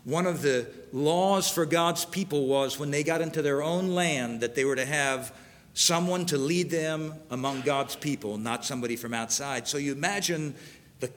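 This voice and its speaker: A pastor preaching an earnest sermon, pausing to read scripture verses aloud to his congregation. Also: mid-range voice, a bit bright, in a large hall.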